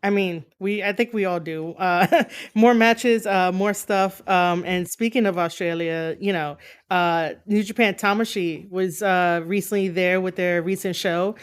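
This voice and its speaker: Clear-voiced woman hosting a casual interview. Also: on the low side, fairly even intonation, a little slow. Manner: rambling, informal, frequent asides. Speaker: wrestling interview host. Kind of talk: casual fan-like interview chat.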